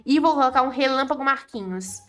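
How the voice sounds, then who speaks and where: Brazilian woman, high-pitched gaming YouTuber, playful and dramatic play-by-play, with soft music underneath. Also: animated, brisk. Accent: Brazilian Portuguese. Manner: playful, dramatic, fond teasing exclamations. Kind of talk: excited gameplay commentary.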